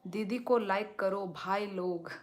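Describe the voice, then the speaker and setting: Woman livestream host, strong loud voice, slow and chatty, middle pitch, phone mic. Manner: chatty, thanks viewers and asks for likes. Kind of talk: casual livestream chat reading viewer comments.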